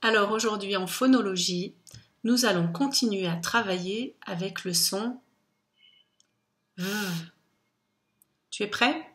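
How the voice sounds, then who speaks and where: A woman teacher giving a phonics lesson to young children, speaking slowly and patiently with careful articulation. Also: medium pitch, a bit bright.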